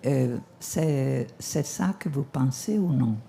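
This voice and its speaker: An audience questioner with a foreign accent in French and non-native phrasing, asking haltingly at a press conference, searching for words. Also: mid-range voice, vocal fry, warm tone. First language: not French, speaks more English.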